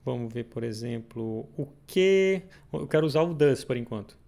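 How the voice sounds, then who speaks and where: A man teaching English as a recorded lesson, explaining step by step and repeating example questions slowly. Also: mid-range voice, expressive, vocal fry, mellow.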